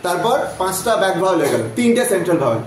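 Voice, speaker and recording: A man teaching a phonetics lesson, repeating vowel sounds slowly so students can follow. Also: sits high, very animated. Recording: very echoey room, voice from off-mic, faint background noise.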